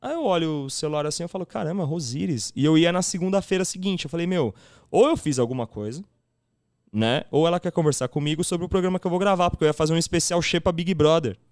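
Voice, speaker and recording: A São man in his thirties spins an animated story, jumping into the voices of the people in it. His voice sits a touch high and comes across smooth and clear, recorded close and dry. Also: quick pace, dry recording. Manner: animated, acts out quoted dialogue with slangy fillers. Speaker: chef and TV cooking show host, podcast guest. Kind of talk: casual storytelling chat.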